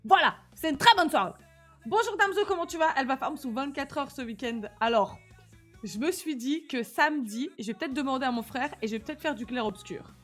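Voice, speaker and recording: A woman's voice: high voice, animated, fairly quick, fairly bright tone, faint music behind. A young woman with a slight lisp and slushy s sounds, chatting casually and animatedly in slang as she livestreams. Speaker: live streamer.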